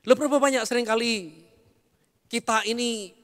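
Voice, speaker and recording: A middle-aged male pastor preaching an animated sermon, addressing the congregation with asides and emphatic bursts. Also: very high voice, normal speed. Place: church hall. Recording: long church hall reverb.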